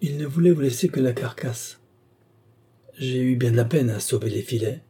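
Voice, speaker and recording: A man's voice: mid-range voice, normal speed, mellow, breathy edge, natural voice. A man voicing a chatty old female country servant, telling her story in a breathless, exclamatory way, for an audiobook. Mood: indignant.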